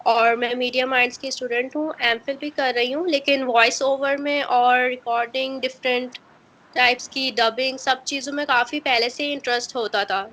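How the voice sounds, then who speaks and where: A woman's voice: sits high, a bit bright. A young woman with a Pakistani Urdu accent, a voice-over student earnestly talking through what she learned, step by step. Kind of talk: testimonial.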